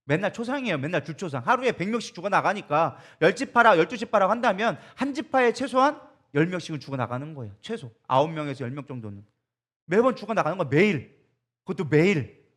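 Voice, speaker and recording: A man's voice: high voice, very animated, quick pace, a bit bright. A middle-aged man preaching a sermon to his congregation, asking it questions and acting out what people and God say in changing voices. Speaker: pastor.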